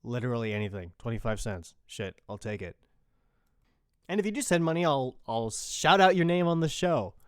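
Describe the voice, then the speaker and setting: Very animated yet talking at a normal speed, a podcast creator and host riffs loosely and informally, rambling with a bit of profanity in unscripted conversation. His voice is medium-pitched and smooth, and the clean studio recording has no echo.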